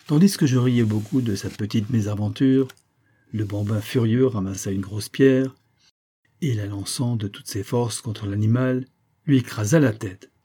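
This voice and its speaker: A man reading a classic adventure novel aloud as first-person narrator, steady storytelling. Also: fairly low pitch, normal speed, slightly rough. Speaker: audiobook narrator.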